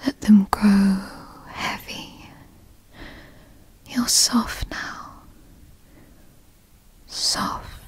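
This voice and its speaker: A woman's voice: a little high, a little mellow, breathy edge, full character voice. A woman playing a tender, motherly girlfriend in a whispered role-play, speaking in an intimate, soothing whisper for sleep ASMR.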